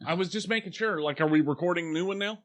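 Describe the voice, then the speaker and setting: A man's voice: sits high, fast. A man co-hosting a podcast, chatting in an upbeat way. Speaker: podcast co-host. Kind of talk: casual chat.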